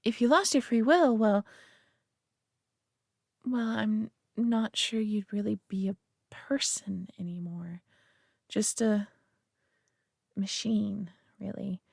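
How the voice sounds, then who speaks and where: In a roleplay audio drama, a woman plays a proud, possessive but caring superior alien, haughty and condescending yet tender in her delivery. Her mid-range voice has a darkish tone and vocal fry, and she takes it slowly with long pauses. The mood is earnest and solemn, and the recording is clean studio sound with no room noise.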